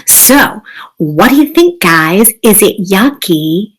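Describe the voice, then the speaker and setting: A woman's voice: medium pitch, big pitch swings, takes it slowly. A woman hosting story time for children, reading a picture book aloud with chatty, playful asides.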